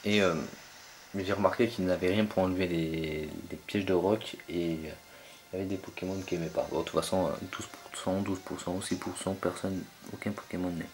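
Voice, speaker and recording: A man's voice: low-pitched, steady tone, normal speed. A young man commentating his own online battle game match, hesitant and full of fillers as he searches for names.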